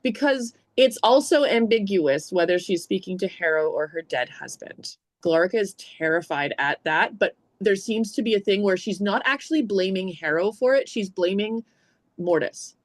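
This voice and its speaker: A woman's voice: mid-range voice, normal speed. Chatty woman podcaster thinking aloud. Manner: animated, thinks aloud with many "like"s. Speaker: podcast co-host. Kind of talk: casual book-club podcast discussion.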